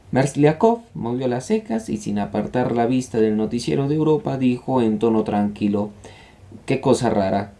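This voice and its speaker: A man reads a classic short story aloud in a measured, storytelling way. His voice is dark and mellow, and his pitch sits at an average level. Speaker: audiobook reader. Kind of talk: literary audiobook narration.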